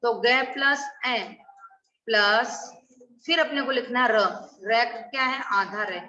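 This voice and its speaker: Bright-voiced woman teaching from an echoey distance. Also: a little high, slow. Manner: drills correct spellings, contrasting wrong and right forms; asks the class questions and answers them herself. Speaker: school Hindi teacher. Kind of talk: online class lesson. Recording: echoey, distant, dull online class audio.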